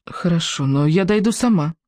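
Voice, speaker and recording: A woman's voice: lowish voice, expressive, normal speed, darkish tone, dry recording, clean studio sound, natural voice. A woman voicing a young female nurse who has fainted and speaks weakly and apologetically. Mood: weak, apologetic.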